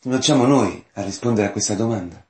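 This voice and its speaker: Male preacher, sermon in a church, lively swings from loud to hushed, rhetorical questions, echoey room. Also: fairly low pitch, fast. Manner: addresses listeners directly with rhetorical questions.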